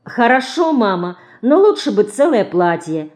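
A woman voicing a polite young daughter who coaxes softly in an audiobook. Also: on the high side, very animated, unhurried, pitched above the performer's own voice.

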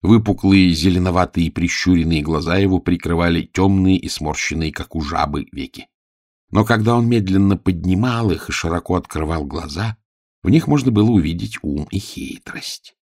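A man narrating a fairy-tale audiobook with a husky, gravelly voice. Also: low-pitched, normal speed, darkish tone, no echo, clean studio sound.

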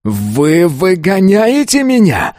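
A man voicing a desperate young male disciple who cries out in a high, broken voice. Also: very animated, takes it slowly, dark tone, slightly rough, no echo, studio quality, exaggerated voice.

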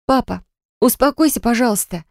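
A frightened teenage girl pleads in high, squealing cries in this audiobook scene, as a woman narrator puts her on. The voice jumps well above the narrator's own. It is recorded close and dry. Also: moderate pace, vocal fry, dark tone, no room sound. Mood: fearful. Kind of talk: audiobook character voice.

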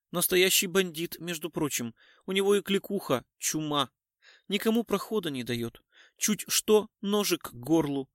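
A man's voice: on the high side, dry recording, studio quality, close to an everyday voice. A man voicing a fawning, ingratiating man who seems like a demoted bookkeeper.

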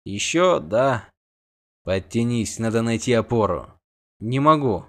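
A man's voice: medium pitch, expressive, measured pace. A man voicing a proud sorceress who answers curtly and coldly. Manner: curt and cold. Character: proud, sharp-tongued sorceress in danger.

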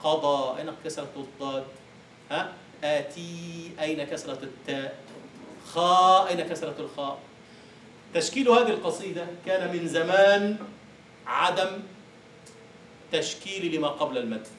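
A man's voice: on the high side, normal speed, pauses often, fairly bright tone, slight background noise. A male university lecturer teaching a class, explaining by asking the students questions and answering them himself. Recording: echoey room from far off.

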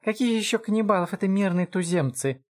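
A man voicing a furious male elf father who yells in a high, frantic voice. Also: lively intonation, fast talker, natural voice. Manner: shouting, frantic, high-pitched.

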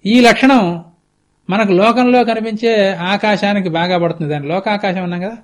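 High-voiced man telling a scripture story. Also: moderate pace. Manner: conversational, explanatory, with lively asides. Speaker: spiritual teacher. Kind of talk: religious discourse with storytelling. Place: TV studio.

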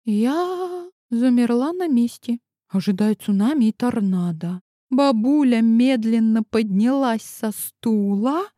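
A woman narrating a story in the first person, lively and expressive. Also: a little high, slow, dry recording, clean studio sound. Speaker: audiobook narrator.

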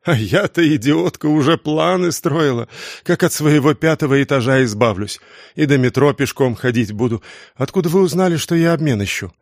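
A man's voice: expressive, moderate pace, dry recording, studio quality. A man voicing a stern schoolteacher woman. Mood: bitter laughing. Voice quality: shrill when shouting. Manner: strict teacherly tone. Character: stern middle-aged female schoolteacher, volatile. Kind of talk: audiobook reading.

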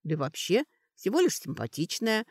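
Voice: medium pitch, sing-song, moderate pace, husky. A narrator voicing the inner thoughts of a wry, self-doubting young woman in an audiobook.

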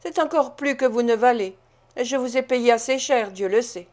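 Woman reader as disdainful sour-voiced matron, sharp tongue, audiobook. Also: on the high side, moderate pace, lightly acted. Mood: scornful.

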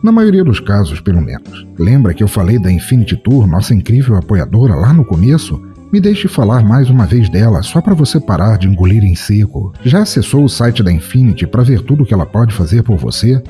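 A man hosts a podcast over background music, addressing listeners in a scripted style that's theatrical, wry, and wordy. His voice is on the low side with a dark tone and big pitch swings, and he talks fairly quickly with few pauses.

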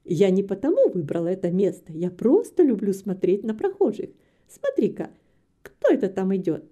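A woman's voice: medium pitch, wildly swooping pitch, moderate pace, warm tone, lo-fi sound. A woman reading a storybook aloud, voicing a proud, self-assured young lady with a haughty air.

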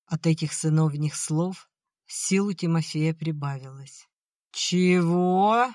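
A slow, measured audiobook narration in a middle pitch, recorded close and completely dry. Each sentence is laid out evenly and unhurried. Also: warm tone, dry recording. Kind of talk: scripted narration.

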